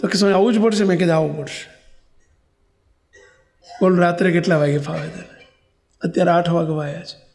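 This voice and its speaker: A man's voice: fairly high pitch, steady tone, moderate pace, gravelly, long pauses, darkish tone. A man with a Gujarati accent who is a monk preacher, telling a story in a sermon and acting out the dialogue.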